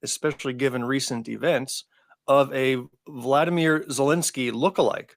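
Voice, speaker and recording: A man in his fifties co-hosts a podcast, talking in a mid-pitched voice and drifting into long, rambling stories. The sound is dry and close, with no room around it. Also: steady tone, normal speed, no room sound. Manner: rambling anecdotal storyteller. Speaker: podcast co-host. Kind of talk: casual chat.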